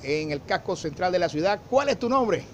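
A man's voice: sits high, big pitch swings, normal speed. A man asking questions as a journalist in a street interview. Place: outdoor fruit stall on a city street. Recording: loud outdoor street noise.

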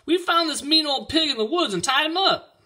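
A man doing shrill excited young boys. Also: normal speed, heavily acted. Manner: shrill, shouting.

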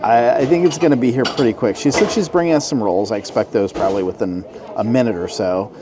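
A man's voice: medium pitch, quick pace, a crowd in the background. A man in his forties filming a casual vlog on a handheld phone, chatty and upbeat as he talks to his viewers. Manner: upbeat, chatty, tells the viewers what he sees. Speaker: travel and food vlogger. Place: outside a restaurant at night, then inside a diner. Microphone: handheld phone camera at arm's length.

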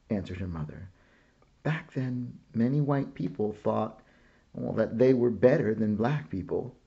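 A man with a gravelly voice reads a children's picture book aloud slowly and gently, raising his pitch for the child characters' lines. The sound quality is lo-fi.

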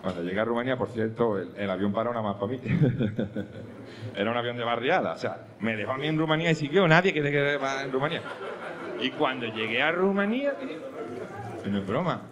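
A man performing a stand-up comedy monologue, telling a story, dropping to hushed asides and rising to loud punchlines. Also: medium pitch, expressive, a little fast, a crowd in the background. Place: comedy club stage with audience. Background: audience laughter.

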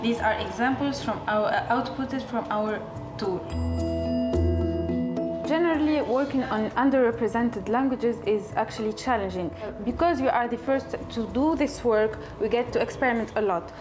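A woman explaining her team's work in an interview, recorded in a roomy office. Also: a little high. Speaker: startup team member. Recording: roomy, echoey indoor sound.

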